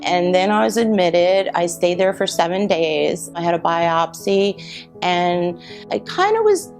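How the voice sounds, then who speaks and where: A middle-aged woman telling her own cancer survival story, reflective and halting with many pauses. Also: on the low side, expressive. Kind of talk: personal testimony. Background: soft guitar music.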